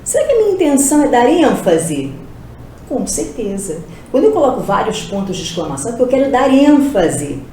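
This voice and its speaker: A woman's voice: on the high side, sing-song, mellow, slight background noise. A woman teacher giving an exam-prep lesson, asking rhetorical questions and answering them herself. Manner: explains with rhetorical questions and quick self-answers. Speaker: Portuguese teacher. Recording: roomy echo.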